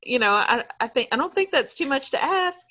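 A woman's voice: sits high, expressive, a little fast, sharp tone, dull audio. A woman co-hosting a casual chat, laughing often and poking fun at herself. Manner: chatty, laughs often, self-deprecating. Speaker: podcast co-host.

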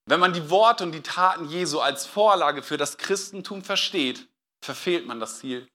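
A man preaching a sermon as pastor, animated and dramatic, acting out quotes with sudden loud outbursts. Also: a little high, normal speed.

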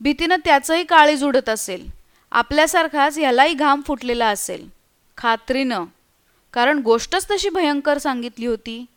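A woman narrating a story in a steady, expressive reading voice. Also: sits high, normal speed. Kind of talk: scripted narration.

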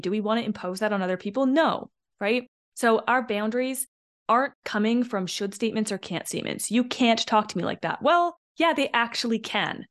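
Hosting a solo podcast as a coach, a woman with a mid-range voice talks in a chatty, animated way and acts out short quoted lines.

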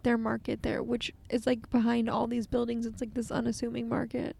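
A young woman chatting casually about travels, lively and prone to tangents. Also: a little high, brisk, gravelly, breathy edge.

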